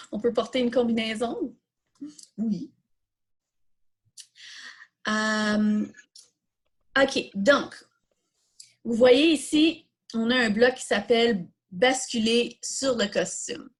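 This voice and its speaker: Speaking extremely slowly with long pauses, this coding workshop instructor has a higher-pitched voice and a Quebec French accent. Her informal tutorial walks through each step as she questions herself aloud and supplies the answers.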